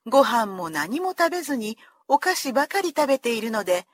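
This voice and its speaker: A woman reading a classic children's story aloud in an expressive manner, giving the characters their own voices. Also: on the high side, fairly quick, no echo, studio quality.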